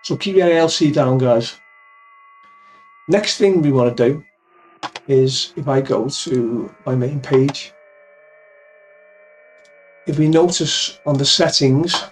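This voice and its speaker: This is a middle-aged amateur radio presenter with a mid-range voice, giving a casual, plainly worded software tutorial and demonstration step by step while addressing his audience as "guys." He records in a small, messy home office, close to a boom-arm studio mic fitted with a pop filter.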